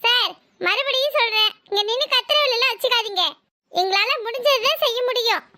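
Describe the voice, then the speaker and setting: A woman voicing a curt female hospital doctor in a cartoon, brisk and dismissive. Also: extremely high pitch, sharp tone, no room sound. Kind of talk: cartoon voice acting.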